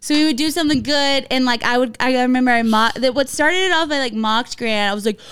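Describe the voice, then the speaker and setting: A woman hosting a podcast, telling a story in a casual chat among friends, animated and swearing freely as she acts out what people said. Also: sits high, fast, slight background noise. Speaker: podcast host.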